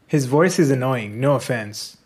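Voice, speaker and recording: A man's voice: medium pitch, animated, moderate pace, a little mellow, lightly acted. A man with a Pakistani accent voicing blunt, dismissive adult male internet commenters. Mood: snarky.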